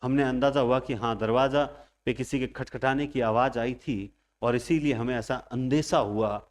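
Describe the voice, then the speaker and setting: A man teaching grammar, emphatic and lively, acting out students' questions and everyday examples. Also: normal speed. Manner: lively, emphatic, stresses words with big pitch and loudness swings. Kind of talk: online exam-prep lecture.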